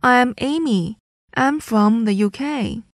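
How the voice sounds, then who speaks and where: Woman reading test sentences really slow, slightly high voice, dry sound. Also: no echo. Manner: careful, each sentence read twice. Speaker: listening test reader.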